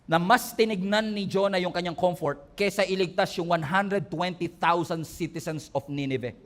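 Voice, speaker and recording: A man's voice: high-pitched, moderate pace, a bit bright. A male pastor preaching a sermon, moving between emphatic, rising appeals and humorous storytelling. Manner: preaching in mixed Tagalog and English, rising to emphatic peaks.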